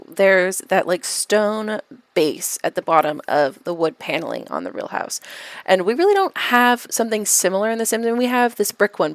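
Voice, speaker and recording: A woman's voice: mid-range voice, creaky, dry recording. Chatty woman game vlogger, dry close mic. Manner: chatty, with many fillers and restarts; dry, self-mocking sarcasm. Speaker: gaming YouTuber. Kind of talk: casual build commentary voice-over.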